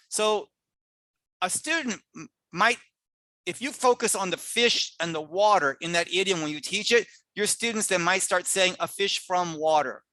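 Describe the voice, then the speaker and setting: Lively, emphatic male grammar teacher. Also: high voice, dry recording. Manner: emphatic and lively, with asides and self-corrections. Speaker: grammar teacher presenting a lecture. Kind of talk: recorded grammar lecture.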